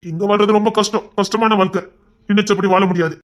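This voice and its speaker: A man's voice: sits high, fairly even intonation, lightly acted. A man playing a young rowdy who broods over a past heartbreak and scolds a woman for coming back. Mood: firm. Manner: scolding, rapid, exasperated. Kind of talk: amateur romance drama acting.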